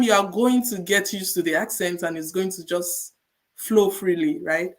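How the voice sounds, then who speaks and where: A registered nurse with a Nigerian accent gives measured, encouraging advice in a podcast interview, repeating her key points. Her voice is fairly low in pitch.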